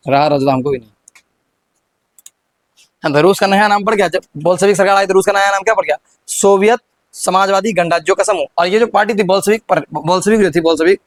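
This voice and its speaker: A man's voice: sits high, no echo. A young male teacher with a Bihari Hindi accent gives a classroom history lesson, repeating his questions and prompting students, often stumbling and restarting.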